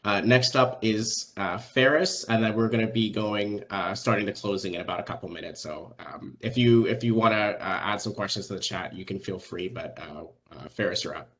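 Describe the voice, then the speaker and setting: A man's voice: lowish voice, moderate pace, hardly any pauses, a bit bright. A man facilitating a virtual public meeting, politely calling on speakers and hedging his replies.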